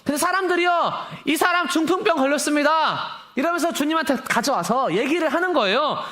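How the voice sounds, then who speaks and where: An impassioned young man delivers a sermon in a fairly high voice. His pitch leaps and drops constantly, and he drives his points home with rhetorical questions. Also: lively intonation, fairly quick, bright, forceful tone. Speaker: preacher.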